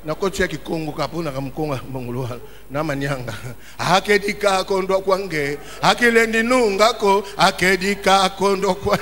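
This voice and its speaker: A man's voice: high-pitched, normal speed, fairly bright tone. A man preaching a sermon as pastor in a church hall, impassioned and calling out in emphatic bursts. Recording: reverberant hall with faint ambience.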